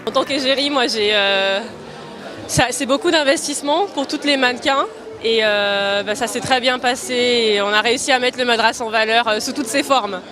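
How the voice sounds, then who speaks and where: A woman's voice: fairly high pitch, normal speed. A woman model at a fashion show, speaking plainly with some hesitation. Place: outdoor fashion event. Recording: music and crowd behind.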